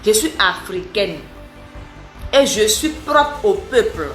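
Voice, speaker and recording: A woman from Côte d'Ivoire with an Ivorian French accent, talking straight to her followers in a live address, emphatic and animated, with many rhetorical questions and tag words. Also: medium pitch, takes it slowly, roomy sound, faint music behind. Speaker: social media personality addressing viewers.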